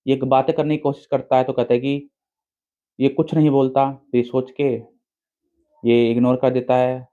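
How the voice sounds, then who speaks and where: A man's voice: medium pitch, flat delivery, moderate pace, pauses often. Storyteller, male, casual chatty horror narration, phone-quality tinny audio. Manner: informal, chatty retelling in plain speech.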